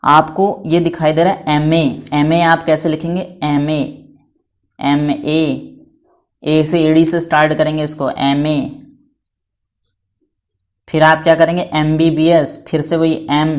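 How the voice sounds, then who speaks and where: A man's voice: on the high side, little pitch movement, measured pace. A man teaching English to children in a patient classroom style, asking questions and answering them himself and spelling words out letter by letter. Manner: calls students "beta" affectionately.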